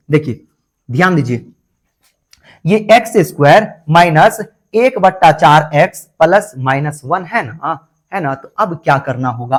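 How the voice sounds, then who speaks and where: A man with a somewhat high voice teaches an online math class. He works through a problem step by step, asks the students a question at nearly every turn and answers it himself. He repeats key points in a coaxing way. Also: a bit bright. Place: online class, voice over board writing.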